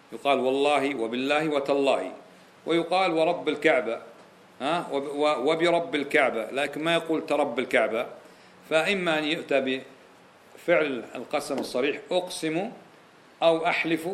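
Man teaching a quick-paced tafsir lesson. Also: fairly high pitch, a bit bright. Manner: explanatory, repeats key phrases, asks the class rhetorical questions. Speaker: religious teacher. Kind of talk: Quranic exegesis lesson.

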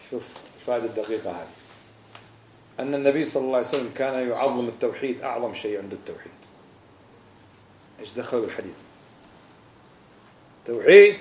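A man preaching a sermon, rising to loud insistent emphasis and then dropping low. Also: roomy sound.

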